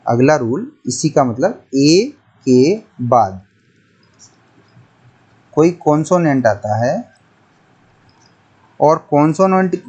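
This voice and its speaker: A man's voice: a little high, big pitch swings, slow, long pauses, a little mellow, slightly rough. A man teaching an English grammar lesson, methodical and repetitive, spelling words out letter by letter. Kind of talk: classroom-style lesson explaining pronunciation.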